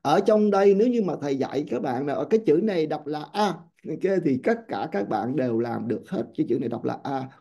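Gravelly-voiced man teaching a class. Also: fairly high pitch, fast, few pauses. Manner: animated, keeps checking with the class. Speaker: English teacher. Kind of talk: classroom lecture. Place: classroom or seminar room. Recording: dull lo-fi sound.

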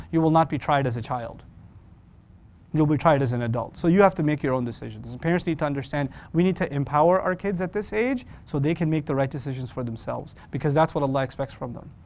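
Brief: male Quran teacher addressing youth, lively and humorous, slightly higher pitched than most men. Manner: animated, jokey, acts out little scenes. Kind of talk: Islamic lecture to youth.

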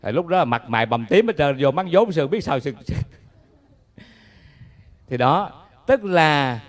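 A Buddhist monk with a Southern Vietnamese accent gives a dharma talk, telling folksy, humorous stories. His voice sits somewhat high for a man, and he often turns to ask the listeners questions. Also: lively intonation, measured pace.

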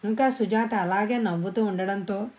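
Mellow woman narrating a storybook. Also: mid-range voice, rough recording. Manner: measured, dramatic phrasing. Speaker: audiobook narrator.

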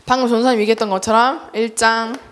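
Lively young woman preaching to children. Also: fairly high pitch, fast, a little hiss or hum. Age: young adult. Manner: chatty and animated, acts out relatives' voices with laughter. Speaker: junior evangelist preaching to a children's service. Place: church hall.

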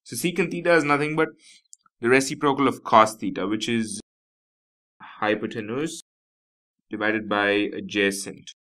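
A man's voice: lowish voice, moderate pace, long pauses, sharp tone. A man with an Indian English accent teaching a math lesson, explaining step by step and repeating key terms. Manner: explanatory, repeats key terms, frequent "nothing but" and "you know".

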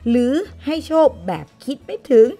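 A woman's voice: moderate pace, mellow, lightly acted. A woman voicing a fussy, nagging old grandmother who lectures about old beliefs in a home-made skit. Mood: explaining. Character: fussy old grandmother, scolding but kindly. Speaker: storyteller.

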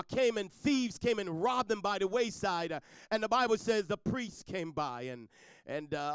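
A man's voice: high-pitched, clean tone, no room sound. A man preaching a sermon as a pastor, building rousing repeated refrains with stammered restarts and fillers.

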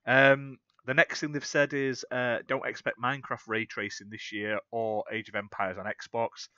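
A British man co-hosts a gaming podcast, chatting casually and rambling through the news with frequent restarts and self-corrections. His medium-pitched voice is flat and delivered at normal speed, with a pushed, bright quality. The recording is muffled but has no echo.

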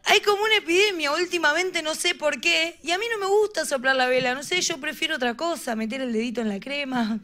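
Chatty Argentine stand-up woman, high bright voice, laughs at her own jokes. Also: a little fast, hardly any pauses. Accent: Argentine Rioplatense. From Morón, western Greater Buenos Aires, Argentina. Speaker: stand-up comedian. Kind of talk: live stand-up comedy.

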